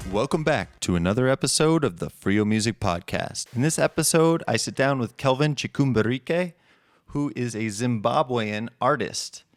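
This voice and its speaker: A man hosting a music podcast, introducing his guest and then asking short, brisk follow-up questions. His voice sits at an ordinary pitch, and the sound is dry and close to the mic. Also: lively intonation, dry recording. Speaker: podcast host. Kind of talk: podcast interview.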